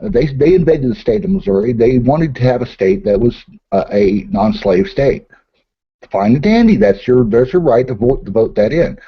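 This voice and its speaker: Husky man on muffled lo-fi audio. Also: mid-range voice, expressive, moderate pace. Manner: emphatic, hesitant with frequent "uh" fillers. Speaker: co-host. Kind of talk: political talk show discussion.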